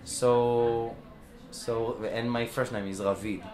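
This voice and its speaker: A man with an Israeli accent, whose first language is Hebrew, speaks slowly in a mid-range, darkish, steady voice, and the sound is roomy. He's a singer and band founder giving a casual interview in a music club after a show, hesitating often with lots of fillers and restarts.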